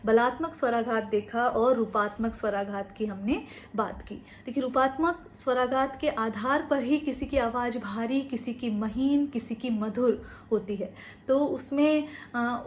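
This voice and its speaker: A woman lecturer talks through an academic lesson, her voice sitting notably high. She explains patiently, pausing often with "uh" fillers and restarting phrases as she goes. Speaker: college lecturer.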